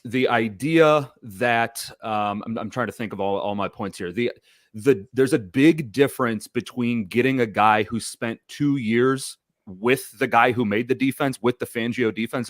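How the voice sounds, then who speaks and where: A man's voice: mid-range voice, no room sound, studio quality. A man co-hosting a casual sports talk show, rambling with many restarts and fillers. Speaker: podcast co-host.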